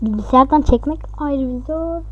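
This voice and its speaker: High-voiced excitable woman gamer. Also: moderate pace, lo-fi sound. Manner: excitable, talks to herself, shrieks at close calls. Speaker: gaming YouTuber. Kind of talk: casual gameplay commentary.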